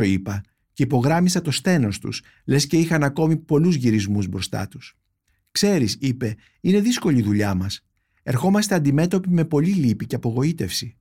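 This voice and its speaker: On his podcast, a male book critic first gives a calm, reflective reading of a translated poem. He then moves on to book recommendations, pausing thoughtfully and using plenty of fillers. His pitch is medium and his tone a little mellow.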